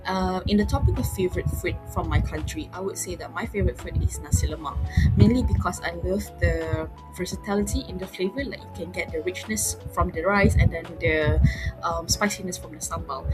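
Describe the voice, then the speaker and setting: Hesitant woman, lowish voice. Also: a little fast, loud music behind the voice, poor audio. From Selangor, Malaysia. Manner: hesitant, many ums. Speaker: student presenter. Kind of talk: class presentation.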